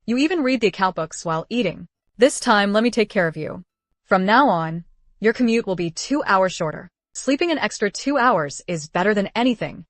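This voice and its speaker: A woman dubbing a caring young wife in a period drama, with a gently bossy, fussing manner. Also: mid-range voice, expressive, normal speed, no room sound, lightly acted. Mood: matter-of-fact, caring. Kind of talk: English dub of a period drama.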